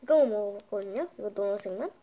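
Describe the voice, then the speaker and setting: A woman talking with her mouth full as she chews, musing slowly to viewers about the food she is eating. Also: mid-range voice, warm tone. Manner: slow, musing, talks to viewers between bites. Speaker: mukbang vlogger. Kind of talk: casual mukbang chat.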